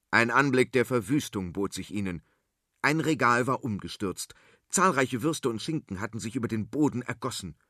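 A man narrating a storybook in a playful, expressive way. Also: medium pitch, dry recording, studio quality.

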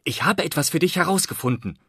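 A man voicing a polite, earnest young schoolboy in a radio storybook reading, with a husky voice. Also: on the high side, expressive, fast, a bit bright, no echo, studio quality, pitched above the performer's own voice.

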